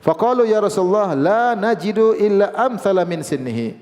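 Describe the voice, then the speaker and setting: A man's voice: high-pitched, normal speed, in a large hall. A man giving an Islamic lecture, telling stories and acting out the voices of the people in them. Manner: lively storytelling, acts out quoted voices. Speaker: preacher.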